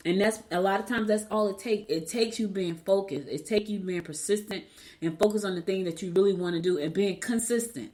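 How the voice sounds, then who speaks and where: A woman's voice: mid-range voice, fairly quick, darkish tone. A middle-aged woman hosting a motivational solo podcast, speaking candidly with repeated phrases for emphasis, her words slightly slurred and stumbling from braces. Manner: talks with braces, stumbling over words at times. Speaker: podcast host.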